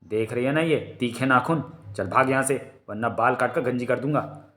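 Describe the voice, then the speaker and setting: A man voicing a bad-tempered wolf-kin man with a tail, rough and scolding, in a comic reading. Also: mid-range voice, normal speed, fairly bright tone, close to an everyday voice. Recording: roomy echo.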